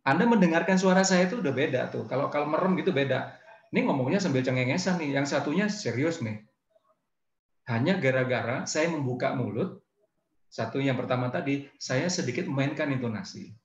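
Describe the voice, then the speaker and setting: A man with a gravelly, fry-edged voice leads a training session on public speaking, chatty and unhurried as he turns now and then to show how intonation shifts meaning. The sound is dull and lo-fi, with a roomy echo around him. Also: mid-range voice. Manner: relaxed, conversational, with demonstrations of intonation.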